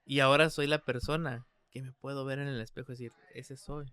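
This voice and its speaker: A man's voice: mid-range voice, steady tone, fast, pushed and bright, clean tone, no room sound. An older man preaching a translated sermon in an emphatic way, with frequent restarts and fillers. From United States.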